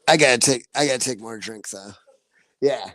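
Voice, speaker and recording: A man's voice: mid-range voice, moderate pace, a bit bright, dry recording. A man in his forties chatting casually on his livestream, rambling, laughing often and swearing freely. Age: 40s. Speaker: livestream host.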